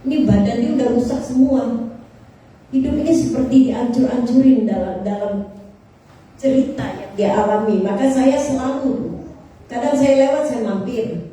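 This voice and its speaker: A woman's voice: a little high, moderate pace, warm tone, slight background noise. Woman preaching in an echoey church. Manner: conversational, addresses the congregation directly. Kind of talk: storytelling sermon. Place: church service. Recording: echoey church hall, mic far off.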